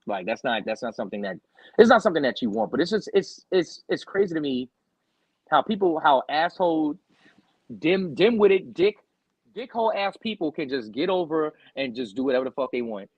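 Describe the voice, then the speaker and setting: A young man hosting a podcast, telling a story in a loud, profane rant and acting out what people said. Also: fairly high pitch, breathy edge, dry recording, low-quality recording. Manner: animated, profane, loud outbursts acting out quotes. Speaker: podcast host.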